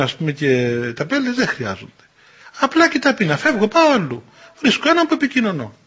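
Husky, lively older elder, lo-fi recording. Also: male voice, high-pitched. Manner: animated, folksy, chuckling at his own stories. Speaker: Orthodox elder and confessor. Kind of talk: spiritual talk answering questions. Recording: dull lo-fi recording.

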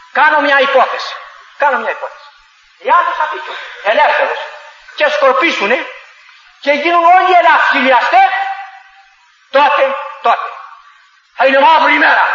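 High-voiced fiery preacher in an echoing hall. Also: male voice. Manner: fiery, rising to shouts, storytelling. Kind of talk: sermon. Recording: echoey hall, dull lo-fi.

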